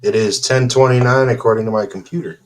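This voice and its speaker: A man's voice: mid-range voice, fairly even intonation, quick pace. A young man, a beatboxer and guitarist, talking on a podcast with dry, matter-of-fact humor. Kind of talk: casual podcast chat.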